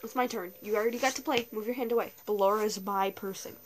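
A woman's voice: mid-range voice, fairly even intonation, fast. A female player chatting casually over the game, bossy and chatty with her co-player. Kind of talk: casual gameplay chat. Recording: noisy home recording.

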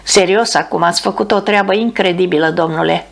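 A woman's voice: on the low side, vocal fry. A woman reading the lines of an earnest male airman. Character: man, a young airman praising his captain.

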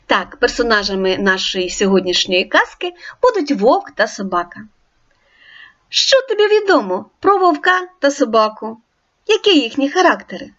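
Woman teacher recording a children's reading lesson; high, lively, encouraging, dull recording. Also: moderate pace. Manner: clear, encouraging instructions to the child. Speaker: primary school teacher.

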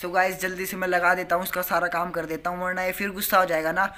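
A man's voice: high voice, flat delivery, fast, sharp tone. A young man, chatting casually on a family vlog and coaxingly pleading and apologizing over and over. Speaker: vlogger.

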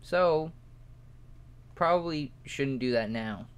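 A man's voice: animated, slow, smooth. A young man streaming live, rambling and joking at himself as he talks to his viewers while he models in 3D. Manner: yawning, low-key late evening.

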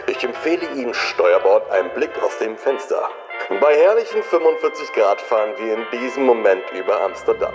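A man puts on an airline captain speaking to the passengers from the cockpit over the cabin speaker. His tone is smooth and formal, and his pitch swings widely through the announcement. Music plays clearly underneath. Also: sing-song, fairly quick. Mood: breezy, official. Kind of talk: comedy sketch.

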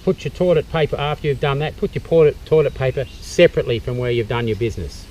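A middle-aged bushcraft instructor and tour guide with an Australian accent talks quickly in a mid-range, slightly mellow voice, walking through a practical outdoor demonstration step by step with some fillers. He's in a eucalyptus forest, recorded by a camera mic a few metres off, so the audio sounds distant with faint background noise.

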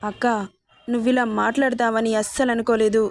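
A young woman betrayed by her own family, outraged and pleading, read by a woman narrator in her own voice. The voice sits fairly high and sounds close and dry. The reading is plain storytelling rather than a full character voice. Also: flat delivery, brisk, dry recording, natural voice. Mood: distressed.

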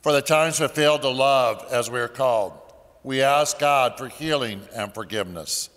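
A priest leading the prayers of Mass at a pulpit microphone, reciting in a measured, solemn way. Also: male voice, mid-range voice, a bit bright. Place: large church. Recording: long church reverb.

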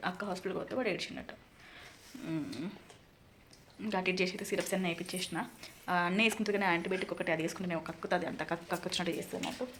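A young mother with a Telangana Telugu accent films a casual home vlog, coaxing her children to take their medicine and repeating the same words over and over. Her voice is on the low side, a bit bright, and rapid-fire, with a slight hiss or hum in the recording.

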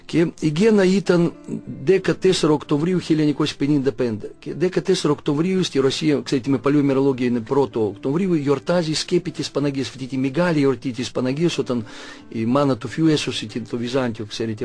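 A man in his sixties with a Russian accent, an Orthodox archimandrite recounting a personal testimony, halting and searching for words with frequent self-corrections. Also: medium pitch, a little mellow. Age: 60s.

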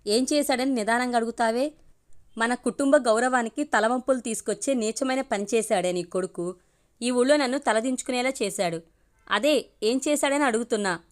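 A woman voicing a proud, hot-tempered middle-aged village patriarch who shouts commands. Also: a little high, moderate pace, lightly acted. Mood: furious.

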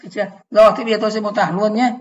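A woman gives an online programming lesson to fellow teachers. She explains each step slowly, repeats key words and checks whether her listeners follow. Her voice sits at a middle pitch, and the recording sounds a little dull and lo-fi. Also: steady tone.

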